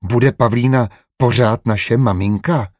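A man's voice: fairly even intonation, darkish tone, no echo, studio quality, close to an everyday voice. A man voicing a small, curious, insistent boy in a storybook reading. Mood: pleading, insistent. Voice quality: raised childlike pitch.

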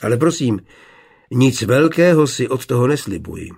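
A man's voice: medium pitch, sing-song, gravelly, a little mellow, husky, full character voice. Man voicing a touchy young glassworker. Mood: curt.

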